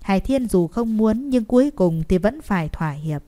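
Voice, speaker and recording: A woman narrates a romance novel as an audiobook. Her voice is dark and mellow, at a middling pitch. She tells the story in a measured, emotive way. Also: lively intonation.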